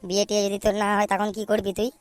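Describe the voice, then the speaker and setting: A woman voicing a teasing, foul-mouthed young man in a cartoon, loud and mocking. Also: mid-range voice, monotone, very fast, no echo, natural voice. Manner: loud mocking banter with swearing. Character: mocking young male friend, crude and teasing. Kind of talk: cartoon voice acting.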